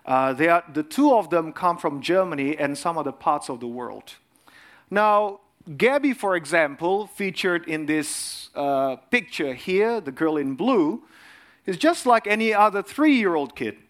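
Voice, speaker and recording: A middle-aged man from Indonesia, giving an earnest sermon as a guest speaker, pausing often with fillers. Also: a little high, expressive, fairly bright tone. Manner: earnest, frequent filler pauses. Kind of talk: sermon presentation.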